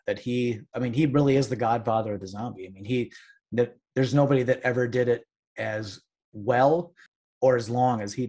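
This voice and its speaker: Man, podcast guest, northern Minnesota accent, average pitch, reflective, halting phrasing with repeated words. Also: a little mellow. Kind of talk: casual reflective discussion.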